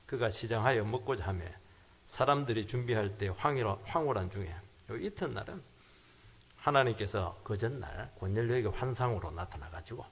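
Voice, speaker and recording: A middle-aged man, a pastor, preaching a sermon emphatically, his voice jumping from loud bursts down to near whispers. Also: on the low side, lively intonation, moderate pace, husky.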